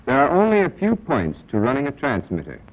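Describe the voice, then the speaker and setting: Narrating a 1940s military training film, an American man speaks from a script in a deliberate, emphatic, instructional manner. His medium-pitched voice swings hugely in pitch, preserved on a dull, band-limited old film soundtrack.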